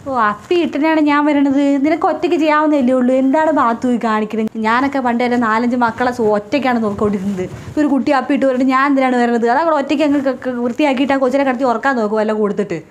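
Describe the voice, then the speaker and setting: A high-pitched, theatrical mother-in-law played by a woman. She fusses, scolds and gushes in a broad comic-skit manner, with faint background noise. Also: very fast, few pauses, natural voice. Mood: dismissive. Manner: dramatic, scolding and gushing by turns. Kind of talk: comedy sketch acting.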